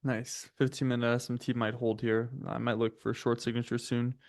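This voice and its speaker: A man with a medium-pitched voice and flat delivery gives live market commentary at a fairly quick pace, methodically naming price levels and setups and chatting with viewers between chart reads. He was raised in the United States, though French is his first language, and he hosts the day-trading stream. The audio is clean studio sound with no room sound.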